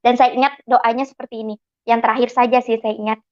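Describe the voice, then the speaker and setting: Animated woman. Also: fairly high pitch, fast talker. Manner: animated storyteller who acts out remembered dialogue. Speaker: convert giving a testimony. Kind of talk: personal testimony. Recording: dull lo-fi recording.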